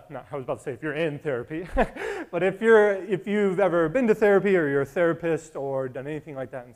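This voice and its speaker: A man's voice: a little high, darkish tone. A man preaching a sermon in a casual, conversational way, asking the congregation repeated questions. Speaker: pastor.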